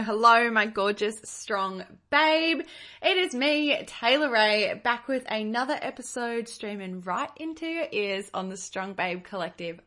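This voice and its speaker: A woman's voice: fairly high pitch, sharp tone. An Australian woman hosting a motivational podcast, speaking to listeners in an effusive, affectionate, gushing way. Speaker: podcast host. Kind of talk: upbeat motivational podcast monologue.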